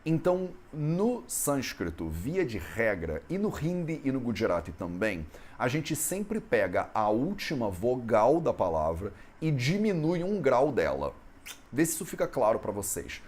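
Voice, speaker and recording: A man's voice: medium pitch, very animated, measured pace, a little mellow, slight background noise. A man from Brazil teaching an Ayurveda lesson in a conversational way, often ending phrases with a questioning tag. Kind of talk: explanatory lesson on Sanskrit texts.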